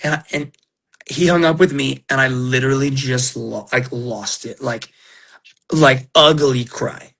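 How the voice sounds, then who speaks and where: A man's voice: mid-range voice, a little slow, creaky, fairly bright tone. A middle-aged man hosting a casual stream, telling rambling emotional stories full of fillers and restarts while he recovers from illness. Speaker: livestream host opening trading cards. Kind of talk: casual chat to viewers.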